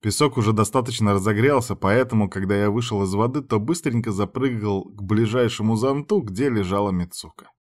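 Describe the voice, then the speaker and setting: A man reading a first-person story aloud in an even, matter-of-fact way. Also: lowish voice, fairly quick, hardly any pauses. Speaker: audiobook narrator.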